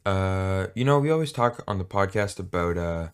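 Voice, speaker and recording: A man's voice: low voice, lively intonation, moderate pace, smooth. A man co-hosting a casual music podcast, talking in a rambling, hesitant, jokey way with many fillers. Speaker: podcast co-host. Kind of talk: casual chat.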